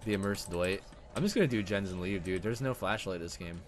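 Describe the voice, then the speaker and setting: A young man giving live-stream gameplay commentary, excitable and profane, swinging from loud outbursts to low mutters. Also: brisk, a little hiss or hum. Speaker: streamer playing a survival horror game.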